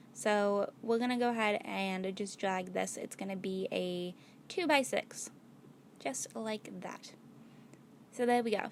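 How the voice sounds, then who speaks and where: A woman with a tired, slightly worn voice from losing it, chatting casually as she narrates a build video. She talks at a middling pitch and thinks aloud as she works, peppering her talk with "like" and "gonna go ahead". A faint hiss sits under the voice. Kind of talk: casual gameplay voice-over.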